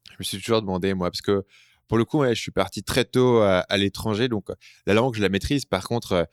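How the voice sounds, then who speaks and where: A low-voiced man from France hosts an interview, firing off curious questions at a brisk clip. His voice sounds close and dry, with no room around it. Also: no echo. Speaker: interview host.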